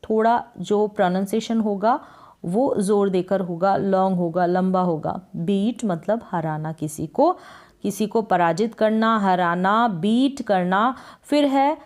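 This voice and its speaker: A woman teaching a lesson that spells out English words slowly, asking questions and answering them herself. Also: medium pitch, darkish tone. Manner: slow, drawn-out spelling of each word, then repeats the meaning. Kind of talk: spoken Hindi lesson on reading English words.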